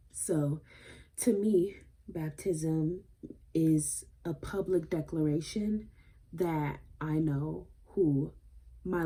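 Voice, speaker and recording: Twenty-something woman vlogging to her viewers, lowish breathy voice, earnest and rambly. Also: dark tone. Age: 20s. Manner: earnest, emotional, rambling with fillers. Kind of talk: casual vlog talk to camera.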